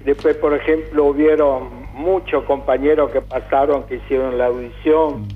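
An older man from Calabria, Italy, reminiscing as a radio interview guest, halting and full of fillers. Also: medium pitch, steady tone. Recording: tinny phone-like radio sound.

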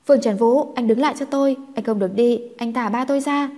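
A woman's voice: on the high side, fairly even intonation, a little fast, dark tone, long reverb tail, close to an everyday voice. A woman voicing a desperate young woman who begs tearfully for help for her father. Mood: screaming. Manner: pleading, tearful.

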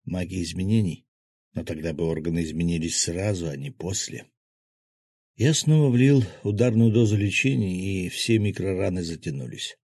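A man's voice: sits low, moderate pace, a little mellow, slightly rough, dry recording. A man narrating a fantasy audiobook in the first person, with a terse, dry inner monologue.

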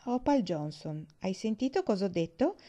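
A woman's voice: mid-range voice, big pitch swings, normal speed, dark tone. A woman doing a stern scolding mother. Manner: calling out, scolding. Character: stern adult woman calling children. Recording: dull lo-fi recording.

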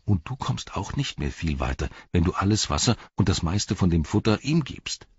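A man's voice: deep voice, very animated, moderate pace, breathy edge, no echo, lo-fi sound, heavily acted. A man doing a scornful, gloomy inner voice. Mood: doubting. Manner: scornful, discouraging. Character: gloomy, mocking inner voice of a male hobbit.

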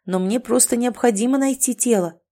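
A woman's voice: on the high side, fairly quick, warm tone, pitched above the performer's own voice, lightly acted. A woman reading the lines of a touchy young man trapped in a kitten's body in an audiobook, close to her own voice. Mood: grumpy. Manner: grumpy, condescending.

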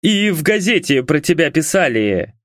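A man's voice: fairly high pitch, big pitch swings, moderate pace, a bit bright, dry recording, clean studio sound, pitched above the performer's own voice. A man voicing a frightened loutish male peasant brawler who whines and pleads. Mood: hasty. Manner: whining, pleading.

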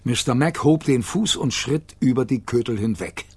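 A man reading a children's audiobook aloud in a playful, expressive storytelling manner. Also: medium pitch, normal speed, breathy edge, no echo. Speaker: audiobook narrator.

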